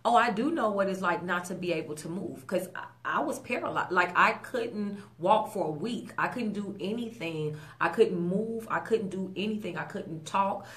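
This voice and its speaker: A woman's voice: medium pitch, moderate pace, few pauses, a bit bright. A woman in her thirties, a guest on a radio talk show, speaking earnestly and conversationally with frequent fillers. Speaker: guest, stroke survivor.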